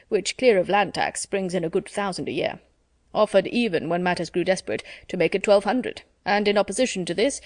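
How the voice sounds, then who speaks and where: A woman voicing a pompous, self-satisfied middle-aged gentleman in a storybook reading, measured and formal. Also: medium pitch, dry recording, studio quality, natural voice.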